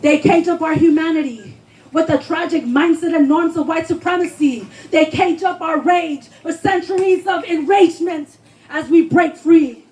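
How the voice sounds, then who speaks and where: A woman poet performs spoken word at a live reading, declaiming her lines with passion and emphasis to a responsive audience. Her very high-pitched voice is mellow and moves at normal speed, captured in a low-quality recording.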